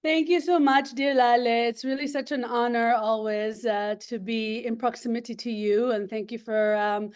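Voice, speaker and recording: A woman's voice: fairly high pitch, steady tone, moderate pace, hardly any pauses, darkish tone, clear, resonant tone. A woman from Lebanon giving an academic seminar talk over a video call, thoughtful and full of ums and restarts.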